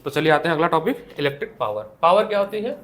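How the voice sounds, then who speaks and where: A man's voice: fairly high pitch, sing-song, fast, a bit bright. A young man with an Indian accent teaching a physics class, asking questions and answering them himself. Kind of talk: classroom lecture. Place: classroom with students.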